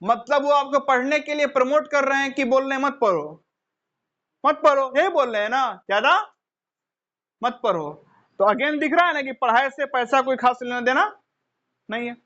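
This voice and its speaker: A man's voice: very high voice, brisk, sharp tone. A male teacher giving a motivational classroom lecture, asking questions and answering them himself and addressing his listeners as children. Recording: dull lo-fi recording.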